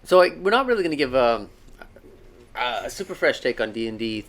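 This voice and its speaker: A man's voice: mid-range voice, very animated, brisk, fairly bright tone. A man hosting a podcast in casual chat, rambling along with plenty of fillers. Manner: rambling, chatty, with frequent fillers. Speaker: podcast host.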